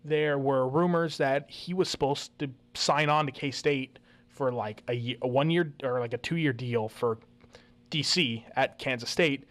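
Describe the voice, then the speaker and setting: A man's voice: mid-range voice, a little slow, a bit bright. A young man co-hosting a casual sports talk show, joking and often restarting his sentences. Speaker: co-host.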